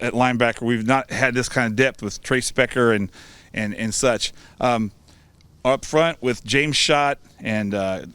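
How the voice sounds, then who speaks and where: A middle-aged American man, a high school football coach, answering pregame interview questions in a plain-spoken way through a face mask. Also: fairly bright tone, clean tone, dry recording.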